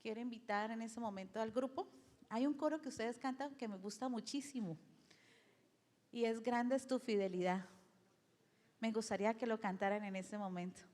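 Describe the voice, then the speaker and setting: A woman's voice: fairly high pitch, normal speed, a little mellow. A woman preaching a sermon and telling a personal testimony, earnest and speaking directly to the congregation. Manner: earnest, addresses listeners as brothers. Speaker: lay preacher. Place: church hall. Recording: long hall reverb.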